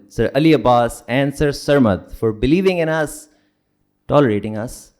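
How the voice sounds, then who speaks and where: A young man with a Pakistani accent hosting a ceremony, moving between formal thanks and playful, teasing banter. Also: mid-range voice. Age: young adult. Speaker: event host.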